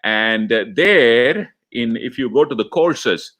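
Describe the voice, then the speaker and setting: A man's voice: mid-range voice, lively intonation, slow, a bit bright. Man with a Malayali Indian accent. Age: 50s. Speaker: webinar host reading viewer comments. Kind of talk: casual live-stream chat.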